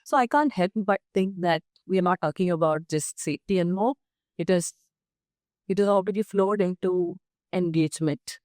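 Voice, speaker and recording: A woman's voice: fairly low pitch, normal speed, a little mellow, dry recording, clean studio sound. A woman, hosting an interview, who builds her questions thoughtfully, step by step. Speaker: interviewer, company chairperson. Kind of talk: interview conversation.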